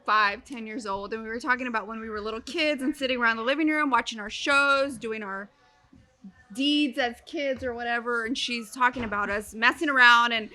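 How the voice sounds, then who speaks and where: A woman's voice: on the high side, fairly quick, pushed and bright. A woman in her thirties, a guest on a family podcast, telling a frank story in a candid, easygoing way. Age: 30s. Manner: candid, laughs easily. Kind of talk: casual chat, frank storytelling.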